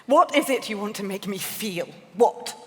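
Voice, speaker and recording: A woman voicing a proud, wounded young woman in a live dramatic reading, speaking fast and agitated. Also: mid-range voice, lively intonation, a little mellow, lightly acted. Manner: agitated, quick and emotional. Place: large event hall on stage. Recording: hall reverb.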